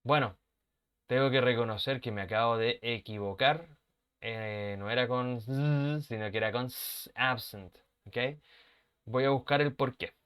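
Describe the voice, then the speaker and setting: A man's voice: mid-range voice, measured pace, a bit bright, clean tone. A man teaching an online English class, patiently repeating words for pronunciation drills and laughing at his own mistakes.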